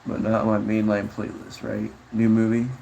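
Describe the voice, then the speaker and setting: A man's voice: lowish voice, monotone, moderate pace, gravelly, mellow, a little hiss or hum, rough recording. A man chatting casually on a livestream, rambling laid-back about viewer comments and calling people bro and dude. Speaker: streamer.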